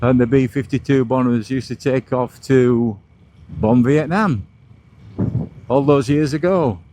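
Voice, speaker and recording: A man narrates his motorbike ride in a casual, chatty way, explaining things like a local guide. His voice sits at an average pitch. It is recorded outdoors on the move, with light vehicle and wind noise behind it. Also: unhurried, dark tone. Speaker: motorcycle vlogger and host. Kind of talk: casual motovlog commentary while riding. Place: outdoors, riding a motorbike along roads.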